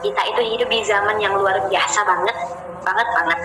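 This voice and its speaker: A woman teaching an informal Islamic study session in a gentle way, often repeating phrases and speaking directly to her listeners as friends. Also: mid-range voice, fairly even intonation, a little fast, background noise. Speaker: ustadzah leading a religious study session. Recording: roomy sound with music playing behind.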